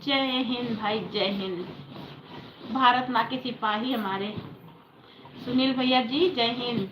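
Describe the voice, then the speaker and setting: A woman's voice: fairly high pitch, takes it slowly, noisy background. A woman with an Awadhi Hindi accent hosting a live stream from home, chatting casually with viewers and answering their comments. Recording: roomy lo-fi phone audio.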